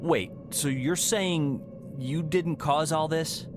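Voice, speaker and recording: A man's voice: on the high side, takes it slowly, music in the background. An actor playing a casual, skeptical and wry young man in a video game. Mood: suspicious. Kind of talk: video game character acting.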